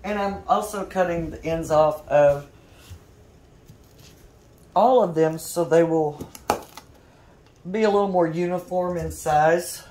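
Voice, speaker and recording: A woman's voice: on the low side, takes it slowly, pauses often, mellow, slight background noise, low-quality recording. A woman hosting a homestead cooking video, chatty and playful, joking and laughing as she explains the steps. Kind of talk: casual kitchen demonstration. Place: home kitchen.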